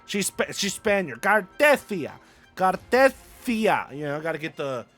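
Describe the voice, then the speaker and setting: A man's voice: fairly high pitch, expressive, fairly quick, a bit bright, faint music behind. A young man hosting casual gaming commentary, hyped and playful, full of slang and repeated phrases. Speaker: gaming YouTuber host.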